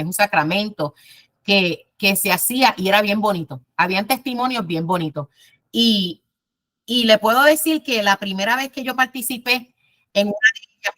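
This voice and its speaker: A woman teaching a Bible class in a conversational way, telling personal stories, speaking directly to her listeners and pausing often with "eh". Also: mid-range voice. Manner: warm storytelling, addresses listeners directly, frequent "eh" pauses.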